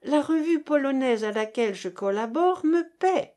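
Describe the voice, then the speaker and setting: A woman voicing a lively, curious young Polish student with rolled R's and an eager, pleading manner. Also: sits high, normal speed, pitched above the performer's own voice. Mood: defensive.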